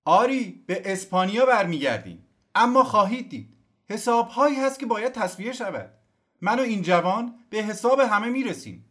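A man reading an audiobook, voicing a fiery old male exile leader who declaims and shouts. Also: sits high, lively intonation, pitched above the performer's own voice.

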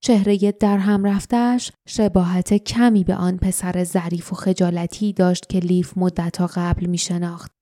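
A woman narrating a fantasy audiobook in a steady, dramatic storytelling manner. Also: on the low side, few pauses, dry recording, studio quality.

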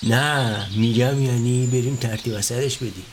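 A man's voice: medium pitch, steady tone, slight background noise, natural voice. An actor playing a cheeky young apprentice snake catcher who teases and jokes with his master. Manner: cheeky, teasing banter.

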